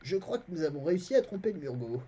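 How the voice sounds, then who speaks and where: A reader voicing a calm, protective older farmhand who talks in a level, slightly ominous way. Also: medium pitch, quick pace, husky, voice pushed up. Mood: calm, wary. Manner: calm, approving, a bit ominous. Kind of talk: fantasy novel read aloud. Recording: dull, lo-fi stream audio.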